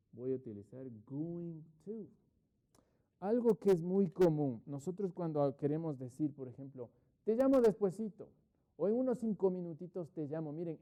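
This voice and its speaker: In an online class, a middle-aged man with a medium-pitched, dark voice teaches English grammar in Spanish, explaining patiently, asking rhetorical questions and slowing down to spell out English example sentences. The audio sounds thin, like a phone.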